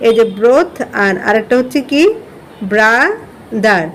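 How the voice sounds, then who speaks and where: Woman, high voice, Bangladeshi English teacher, patient word-by-word explanations, faint hiss behind. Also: normal speed. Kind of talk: online class lesson.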